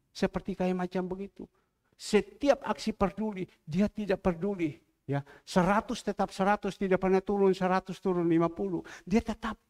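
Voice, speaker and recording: High-voiced pastor preaching in a reverberant church hall. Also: male voice. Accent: Indonesian, Surabaya. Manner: acts out dialogue in quoted voices, rising to loud preaching. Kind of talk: sermon with storytelling.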